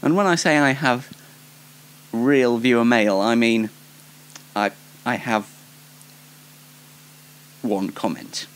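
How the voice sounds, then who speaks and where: A young adult man hosts a casual show where he interviews himself and chats to viewers, speaking at a medium pitch and a slow pace with frequent pauses. He's self-deprecating and tends to stumble over and repeat the beginnings of his phrases.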